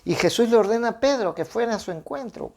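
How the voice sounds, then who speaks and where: A man's voice: very high voice, lively intonation, fast, creaky, a little mellow. Conversational man preaching a devotional. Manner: conversational, with frequent tag questions and restarts. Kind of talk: informal devotional sermon with Bible reading.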